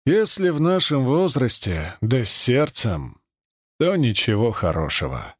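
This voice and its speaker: An older warehouse chief, kindly and a little wistful, speaks in a dry, close voice, as a man puts him on. His pitch sits in an ordinary middle register. He muses fondly and turns somber when things get serious. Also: very animated, unhurried, breathy edge, dry recording. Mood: grave. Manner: fond, reflective, somber. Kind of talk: audiobook character voice.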